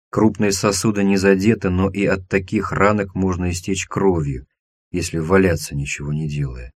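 A man narrating a science-fiction audiobook in a measured, expressive reading. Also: fairly low pitch, no room sound. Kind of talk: scripted narration.

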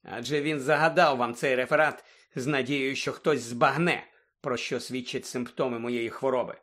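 A man voicing a calm, weary adult male teacher who speaks quietly and with restraint in an audiobook. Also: medium pitch, normal speed, close to an everyday voice. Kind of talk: audiobook character voice.

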